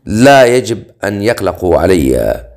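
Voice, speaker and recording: Luna Rubra: a cold, curt young swordsman in a storybook, read by a man, low-pitched. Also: very animated, moderate pace, darkish tone. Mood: cold calm.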